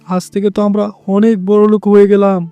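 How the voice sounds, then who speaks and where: A man voicing a good-hearted poor woodcutter fox, a devoted husband, in an earnest, expressive cartoon style. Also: high voice, fast, clear, resonant tone, no echo, muffled recording, faint music behind, lightly acted. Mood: excited. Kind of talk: cartoon voice acting.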